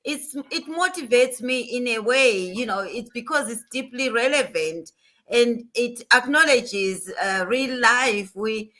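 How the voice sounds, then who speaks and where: A woman's voice: on the high side, sharp tone. A woman hosting a motivational livestream, talking in an earnest, emphatic way and repeating her points. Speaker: livestream host.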